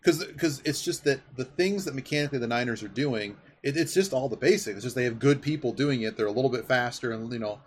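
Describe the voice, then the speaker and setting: Talking fast with hardly any pauses, a man hosts a sports podcast in a rambling, enthusiastic, casual way. His pitch is medium, and background noise can be clearly heard.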